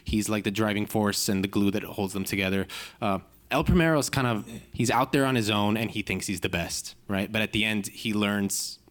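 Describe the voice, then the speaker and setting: A man's voice: on the low side, normal speed, hardly any pauses, a bit bright. A man, an animator on a panel, answering questions in a playful, self-mocking way. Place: auditorium stage with a live audience.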